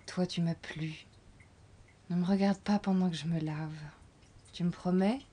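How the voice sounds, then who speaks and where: An actress playing a frank, restless young woman who talks softly and confidingly to a lover in a film scene. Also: lowish voice, fairly even intonation, measured pace, a little hiss or hum, close to an everyday voice. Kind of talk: intimate film dialogue.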